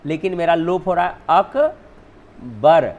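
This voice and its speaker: A man's voice: sits high, animated, a little slow, dull audio. A male teacher whose first language is Hindi, explaining spelling rules step by step, often asking and then answering his own questions. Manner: repeats "ठीक है ना", asks and answers own questions.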